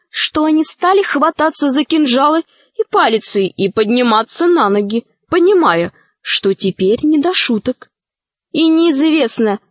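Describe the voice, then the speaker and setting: A woman narrating a children's fairy tale in an audiobook with expressive reading. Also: on the high side, dry recording. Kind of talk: storybook narration.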